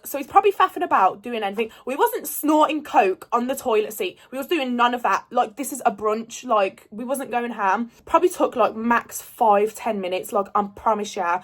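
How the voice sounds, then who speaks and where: A woman telling a rambling storytime vlog in casual chat, swearing freely. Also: fairly high pitch. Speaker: storyteller vlogger.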